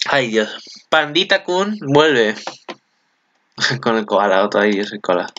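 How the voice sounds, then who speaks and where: Excitable bright-voiced Spaniard, lo-fi sound. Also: male voice, unhurried, a little hiss or hum. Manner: excitable, chatty, with sudden high exclamations. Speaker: video commentator. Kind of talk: casual reaction commentary.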